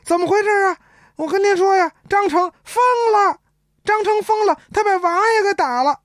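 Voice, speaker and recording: A woman voicing a panicky male servant who yells for help in a shrill, frantic voice. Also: racing, no echo, clean studio sound. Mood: agitated.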